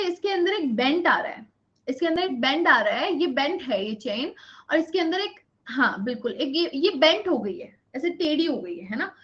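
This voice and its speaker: A woman's voice: extremely high pitch, muffled recording. A woman teacher giving a live online biology lecture, mixing Hindi with English, repeating key points and often checking whether students understand.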